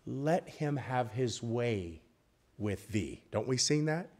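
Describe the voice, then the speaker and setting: A man preaching a sermon in a church, quoting old King James scripture and asking the congregation questions, dropping from loud to hushed. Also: medium pitch, expressive, slow. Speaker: guest preacher. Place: church sanctuary.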